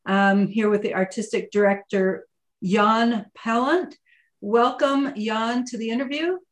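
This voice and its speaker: A woman's voice: fairly high pitch, a little slow. A woman hosting an interview on a video call, introducing her guests in a friendly, upbeat way. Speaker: interviewer host.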